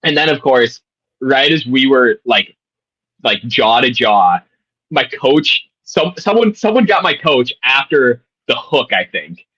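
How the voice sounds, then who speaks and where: A young man, a former college tennis player, telling a story in a casual, animated way with lots of fillers and restarts. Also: medium pitch, slow pace, husky, no echo, dull audio.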